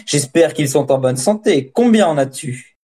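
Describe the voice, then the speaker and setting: A man's voice: mid-range voice, moderate pace, warm tone, lightly acted. Cruel witch lady threatening a farmer, mocking tone, man reading it, audiobook. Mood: menacing. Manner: menacing, mocking. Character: cruel menacing woman witch, extorting and threatening.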